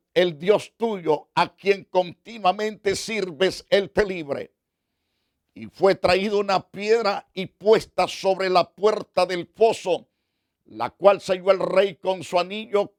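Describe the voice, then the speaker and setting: A male pastor retells a scripture story in sermon style. His voice sits high and his delivery is unhurried, with phrases repeated for emphasis. The sound is dry, with no room echo. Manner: slow, deliberate preaching with repetitions for emphasis.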